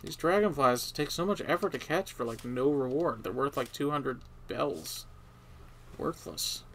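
Gravelly, sarcastic man grumbling at a game. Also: mid-range voice, lively intonation, unhurried, fairly bright tone, a little hiss or hum. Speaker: streamer. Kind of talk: casual gameplay commentary.

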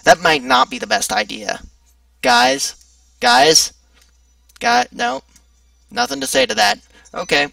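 Gravelly, bright-voiced young gamer. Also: male voice, extremely high pitch, sing-song, slow, long pauses, no room sound, far from the mic. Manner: joking, sarcastic, chatty asides. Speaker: let's play gamer. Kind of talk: casual gameplay commentary.

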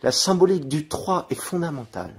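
Marlowe, a husky, sardonic poet. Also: male voice, a little high, expressive, brisk. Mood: erudite, explaining. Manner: sardonic, erudite. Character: witty, needling Elizabethan male poet and playwright. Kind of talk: French radio drama acting.

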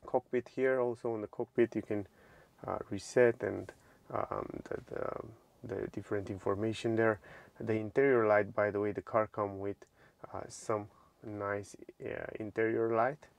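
A man's voice: lowish voice, level tone, measured pace, vocal fry, no room sound. A young man giving a casual walkthrough of a car's touchscreen from inside the car in a showroom. He is eager, doubles his praise words and uses many fillers. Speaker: car reviewer.

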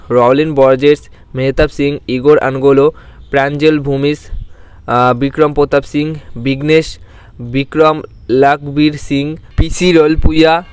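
A man reading long squad lists as a voice-over, stumbling over names with restarts and filler pauses. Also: a little high, smooth, no room sound. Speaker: YouTube sports channel host.

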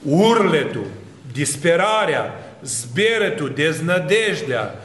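A man, an Orthodox priest, preaching a sermon with lively rhetorical questions and long spoken lists. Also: a little high, roomy sound.

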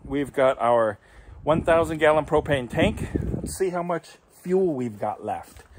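A man's voice: a little high, a little hiss or hum. A man in his forties with an American accent, chatting casually as he walks a homestead tour, filmed outdoors on a phone held at arm's length. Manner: relaxed, chatty, explaining as he goes. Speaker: homestead vlogger. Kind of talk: casual walking tour vlog.

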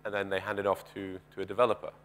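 A man in his thirties gives a keynote very fast, his deep, slightly bright voice showing little pitch movement, with slight background noise. He's on a large conference stage wearing a headset mic, pacing and gesturing, talking conversationally while asking the audience questions and often restarting sentences.

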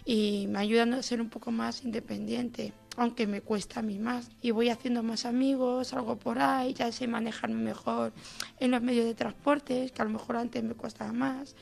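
A woman's voice: fairly high pitch, flat delivery, moderate pace, gravelly, a little mellow. A woman with a Spanish accent, a program participant, speaking modestly and plainly. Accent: Spanish from Spain.

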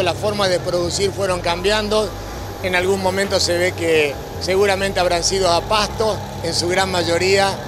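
An Argentine man in his sixties speaks in an interview in a distinctly high voice for a man. He explains things earnestly, putting questions as he goes, and clear music plays behind him. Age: 60s. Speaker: interviewee, agricultural cooperative representative. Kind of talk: on-camera interview. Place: indoor exhibition hall at a farm show. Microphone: handheld microphone held by the interviewer.

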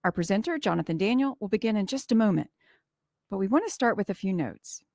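A woman hosting a museum event, reading a scripted welcome and introduction in a clear, even way. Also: medium pitch, fast talker, dry recording, studio quality.

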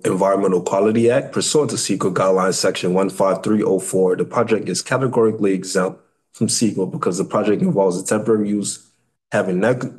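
A man's voice: deep voice, darkish tone. A man in his thirties with an American accent, giving a formal presentation as a city planner, often repeating and correcting his words. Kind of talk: formal slide presentation at a public meeting. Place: indoor meeting room at a table.

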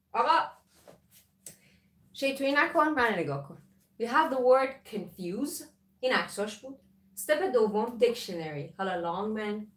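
A woman English teacher giving a lively live lesson, mixing Persian and English and drilling the pronunciation of words. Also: medium pitch, recorded from a distance. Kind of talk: live online language lesson. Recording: roomy echo, voice from off the mic.

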